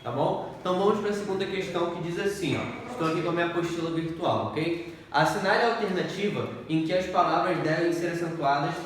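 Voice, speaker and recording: Speaking quickly in a fairly high-pitched voice, a man teaches exam-prep grammar step by step and keeps checking that the class is with him. The recording is distant and echoey, with a faint noise underneath.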